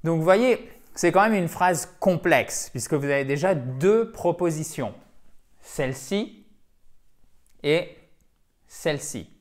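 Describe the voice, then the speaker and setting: A man's voice: a little high, lively intonation, takes it slowly, pauses often. A man whose first language is French, giving a video English lesson. He explains patiently, repeats key words and keeps checking in with the viewer. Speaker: English teacher.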